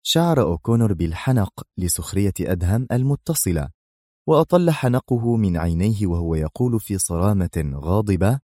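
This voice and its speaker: A man narrating a spy thriller audiobook in a measured, dramatic way. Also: fairly low pitch, expressive, mellow, dry recording, studio quality.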